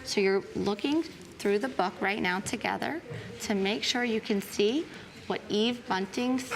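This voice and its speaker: A woman's voice: medium pitch, creaky. Woman teacher in a noisy classroom. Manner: encouraging, calls students sweetie. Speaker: fourth grade teacher. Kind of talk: classroom writing lesson. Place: classroom with students around. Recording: chatter of a busy classroom.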